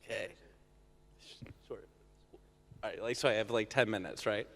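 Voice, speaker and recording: A man speaking as a panelist in a conference discussion, talking quickly and casually with fillers. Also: fairly low pitch, fairly bright tone. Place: conference stage. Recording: reverberant conference hall.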